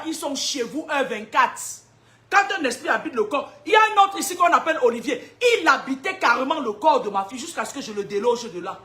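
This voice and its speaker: Woman seer, high voice, combative preaching, rhetorical questions, laughs between points. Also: bright, forceful tone. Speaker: spiritual seer giving prophecies. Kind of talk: preaching spiritual warnings to an audience.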